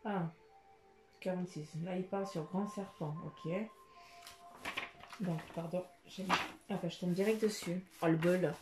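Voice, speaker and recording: Over background music, a woman gives a casual oracle card reading for daily guidance, addressing the viewer intimately and directly. Her talk meanders and is full of "hein" and "euh" tags. Her voice is fairly low and steady, with a measured pace and frequent pauses.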